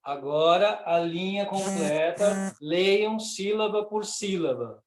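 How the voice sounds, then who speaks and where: A man's voice: high-pitched, takes it slowly, a little hiss or hum. A man with a Brazilian Portuguese accent teaching Sanskrit pronunciation, reciting word by word and chanting the verse. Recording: echoey room.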